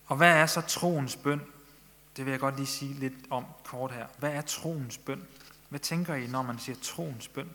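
A man's voice: mid-range voice, bright, forceful tone. Man preaching in an echoing hall. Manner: earnest, rising emphasis on questions. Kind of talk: sermon. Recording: long echo of a large hall.

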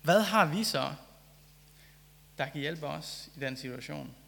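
A man's voice: fairly high pitch, animated, creaky, a bit bright. Earnest preaching man in a reverberant hall. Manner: earnest, reads scripture then reflects with rising emphasis. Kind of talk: sermon.

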